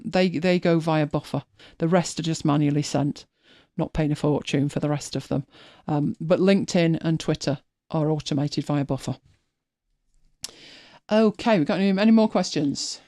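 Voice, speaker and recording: A woman's voice: low-pitched, steady tone, a little slow, mellow, no echo, studio quality. A woman hosting a live stream, chatting casually as she walks viewers through her screen, thinking aloud and often restarting her sentences. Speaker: host.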